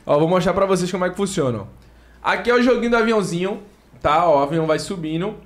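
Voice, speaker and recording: A man's voice: sits high, lively intonation, fast talker. A man hosting a podcast, giving a playful, joking sponsor read and explaining it step by step. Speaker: podcast host.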